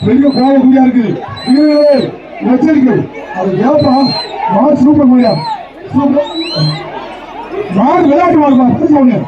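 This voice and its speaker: Announcer over a loudspeaker: high, strained shouting man, distant echoey PA sound. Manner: shouted rapid-fire calls, repeats words. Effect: heard through a public address loudspeaker. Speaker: bull-taming event announcer. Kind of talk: live event commentary over loudspeaker. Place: outdoor arena with a crowd. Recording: distant echoey loudspeaker, muffled, crowd noise.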